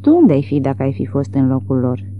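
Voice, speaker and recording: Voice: medium pitch, very animated, a little hiss or hum, natural voice. A reader voicing a cold, shrewd father in his sixties who answers with dry mockery, on tinny phone-like audio. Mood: mocking. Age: 60s. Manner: dry, mocking retorts. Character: sardonic sixty-year-old father, cold and shrewd.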